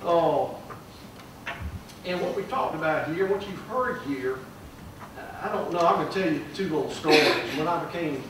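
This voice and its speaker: A man's voice: on the high side, animated, moderate pace, recorded from a distance. Older man, memorial speech, hall echo, background noise. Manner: folksy, warm storytelling with fillers. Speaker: judge giving a memorial tribute. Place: large room at a plaque dedication. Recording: echoey room, mic from afar.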